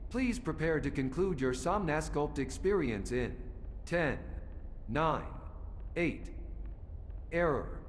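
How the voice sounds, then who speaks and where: A man's voice: a little high, lively intonation, slow, long pauses, a little hiss or hum. A man voicing a glitching automated exit-system computer that counts down and then breaks off into error reports. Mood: malfunctioning. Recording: long hall reverb with faint game music.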